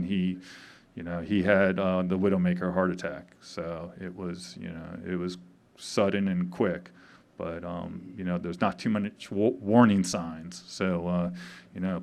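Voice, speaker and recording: A man in his fifties, grieving, giving a halting memorial speech full of pauses and fillers at a tavern gathering. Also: low-pitched, gravelly, darkish tone. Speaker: eulogy speaker. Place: tavern event.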